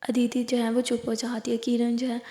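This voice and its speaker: A woman telling a story in a plain, even, casual way, her voice fairly high and flat. The tone is mellow, and a long hall-like echo hangs on every line. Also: brisk. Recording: echoey room with long reverb.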